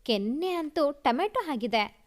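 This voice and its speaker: A woman doing a young husband in a read-aloud story, speaking a touch lower than her own bright voice. He sounds tender and coaxing, teasing his upset wife gently. The delivery stays close to a narrator's own high voice. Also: animated, unhurried.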